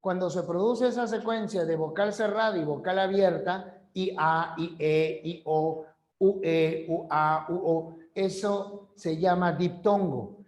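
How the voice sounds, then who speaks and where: A man's voice: high voice, darkish tone. A male language teacher giving an online class lecture, repeating key rules and checking understanding with short questions.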